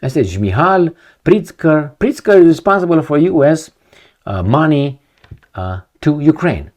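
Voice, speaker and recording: A man's voice: fairly high pitch, very animated, measured pace, a little mellow. A man from Romania, giving a rambling opinion monologue to camera, full of rhetorical questions and repetition. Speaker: video commentator.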